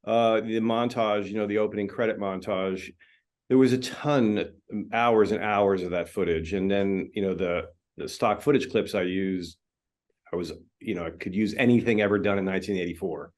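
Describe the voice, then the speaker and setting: This film editor has a fairly low-pitched voice and talks at a normal speed. In a laid-back interview conversation, he rambles chattily, dropping in many fillers and starting sentences over.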